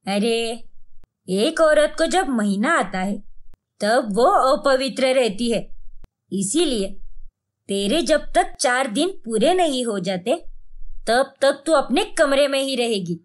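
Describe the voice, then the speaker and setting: A woman's voice: high voice, animated, takes it slowly. A woman voicing a strict, traditional mother-in-law who gives orders and scolds in a cartoon story. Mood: scolding. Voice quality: scolding, commanding.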